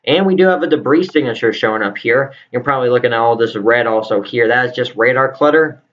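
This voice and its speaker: A man works as a live storm forecaster, talking through radar in an improvised, explanatory way. His pitch sits in an ordinary middle range. The recording is slightly dull and lo-fi. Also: quick pace. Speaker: live severe weather forecaster. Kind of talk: live weather radar commentary.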